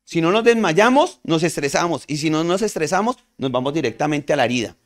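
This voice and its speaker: A man's voice: a little high, expressive, fairly quick. A man teaching a community first aid class. He asks the audience questions and answers them himself. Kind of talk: community training talk.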